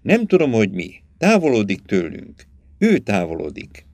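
A gruff, skeptical talking bull, as a man reading the story puts him on, who grumbles his lines plainly and bluntly. The voice is low and dry, with lively rises and falls. It is a storybook figure from an audiobook. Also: no echo, exaggerated voice. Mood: uneasy. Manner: grumbling, matter-of-fact.

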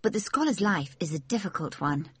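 A man voicing an earnest, gentle young woman, speaking softly and seriously in a raised voice. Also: high voice, sing-song, fairly quick, slightly rough, dry recording, voice pushed up, heavily acted.

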